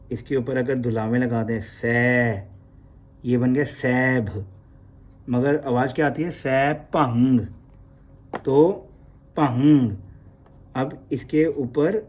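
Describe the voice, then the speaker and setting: A man gives a gentle, unhurried script lesson. He takes his time, repeating and drawing out the sounds of the letters. He addresses his listeners respectfully throughout. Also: mid-range voice. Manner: slow, patient, drawn-out letter sounds, calls listeners sangat ji. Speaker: Gurmukhi teacher. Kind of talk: slow classroom explanation with prayer.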